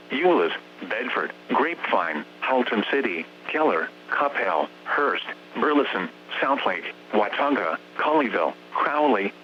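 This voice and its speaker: Warning bulletins come through a dull, humming weather radio with faint noise, read by a synthetic American man's voice at medium pitch. It's a formal text-to-speech delivery, evenly paced and made of clipped, automated phrases.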